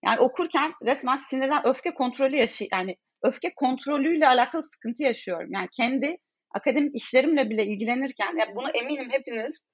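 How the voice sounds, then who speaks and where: A young woman, an economics lecturer, talking in a casual discussion in an exasperated, animated way with many fillers. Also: high-pitched, fast talker, breathy edge, highs cut off.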